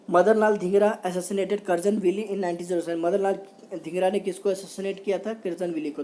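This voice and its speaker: A male teacher giving an exam-prep history lecture, reading English notes slowly and explaining them, often quizzing with repeated questions. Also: sits high, warm tone, a little hiss or hum.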